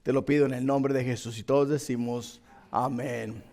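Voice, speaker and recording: Croaky frog-voiced male preacher. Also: mid-range voice, steady tone, a little mellow. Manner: emphatic, with deliberate repetition and questions to the congregation. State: hoarse. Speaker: pastor. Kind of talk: sermon with prayer and scripture reading.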